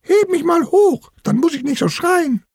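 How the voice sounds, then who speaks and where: A man voicing a tiny cheerful talking potato in a high, chirpy voice for a children's audiobook. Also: expressive, a little slow, vocal fry, darkish tone, no room sound, clean studio sound, heavily acted.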